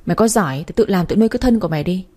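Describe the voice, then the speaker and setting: A domineering middle-aged father, read by a woman in a spoken story, shouting and laying down the law. The tone is dark and husky. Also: on the low side, animated, rapid-fire. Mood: angry. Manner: shouting, overbearing.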